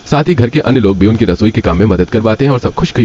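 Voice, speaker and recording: Fast, low-voiced male narrator. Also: lively intonation, slight background noise. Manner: brisk storytelling. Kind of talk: scripted story narration. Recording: lo-fi with soft music.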